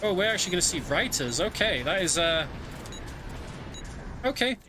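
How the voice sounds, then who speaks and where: Commentating his speedrun live, a man walks through the game's plot in a casual, explanatory way as he plays. His high-pitched voice is very animated and moves at normal speed, against background noise.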